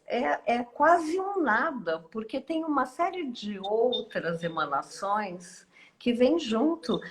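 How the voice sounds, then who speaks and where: A woman, hosting a reflective live online talk in a slow, musing way with many hesitations and tag questions. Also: fairly high pitch, poor audio. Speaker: host.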